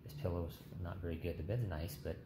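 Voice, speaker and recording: Recovering from surgery, a thirty-something man vlogs a casual update from his hospital bed, speaking haltingly in a tired, weak, subdued way with a sore throat. His deep voice keeps a fairly even intonation. He films on a phone at arm's length in a small room, and the recording is noisy and roomy.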